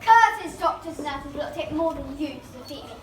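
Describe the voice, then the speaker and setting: A female performer playing a pompous virus supervillain in a school play, gloating with slow theatrical menace. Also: high-pitched, steady tone, natural voice. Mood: defiant. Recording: echoey, noisy school hall recording.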